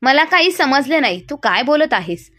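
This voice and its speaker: A woman voicing a stubborn, angry young wife who speaks in a sharp, defiant way. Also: sits high, very animated, moderate pace, no echo, studio quality, pitched above the performer's own voice, exaggerated voice. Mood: indignant.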